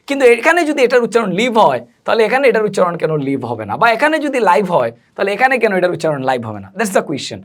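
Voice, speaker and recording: Man teaching English, asking and answering himself. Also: sits high. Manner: explains slowly, asks and answers own questions; stretches and spells out English words. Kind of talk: spoken English lesson.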